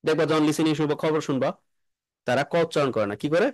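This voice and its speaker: A man teaching pronunciation to a class, repeating words slowly and quizzing his students. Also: on the high side, no room sound. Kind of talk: classroom lesson in a room.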